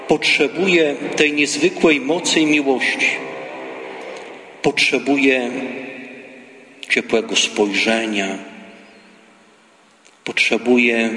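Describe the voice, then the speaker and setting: Slow-speaking priest in echoing church. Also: male voice, mid-range voice, sharp tone, slight background noise. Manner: slow, measured liturgical delivery. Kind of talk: gospel reading and homily. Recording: echoey church with long reverb.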